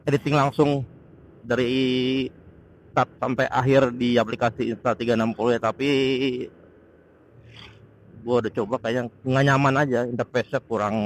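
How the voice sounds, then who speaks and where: A motovlogger with a medium-pitched voice chats casually while riding his motorcycle on the road, rambling and groping for words. His Bluetooth helmet intercom mic is noisy, picking up wind and road sounds outdoors.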